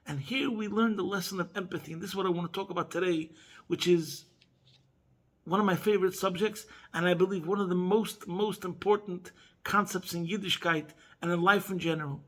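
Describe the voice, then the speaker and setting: A man's voice: fairly even intonation, a little fast. A man teaching a Chassidic Torah class, mixing Yiddish and Hebrew phrases into English and rising to emphatic peaks. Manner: rises to emphatic high peaks.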